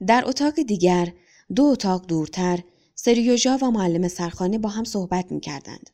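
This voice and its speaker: A woman calmly narrating a short story as an audiobook. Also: medium pitch. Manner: calm, even reading.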